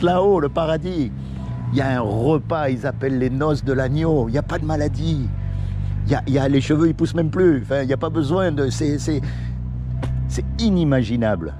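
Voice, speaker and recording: This is a Moroccan man preaching one-on-one on a city street, outdoors, as a street evangelist. His medium-pitched voice moves at a moderate pace over background music, earnest and pleading and packed with everyday examples.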